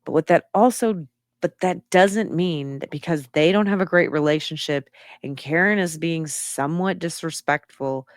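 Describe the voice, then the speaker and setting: A woman's voice: low voice, moderate pace, no room sound, clean studio sound. A woman giving casual spoken commentary, opinionated and reasoning her points aloud step by step. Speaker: true-crime commentator.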